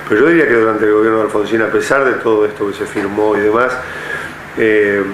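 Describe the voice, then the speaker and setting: An older man from Argentina, a retired army general, speaking measuredly in an oral history interview with many hesitant fillers. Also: lowish voice. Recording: echoey room with faint noise.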